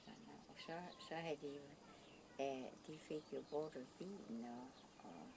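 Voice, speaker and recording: An older woman with a South Jutlandic Danish accent, telling stories from her youth in a hesitant, halting way with many restarts. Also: sits low, background noise. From Southern Jutland, Denmark. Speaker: interviewee recalling her youth. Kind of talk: casual oral-history storytelling.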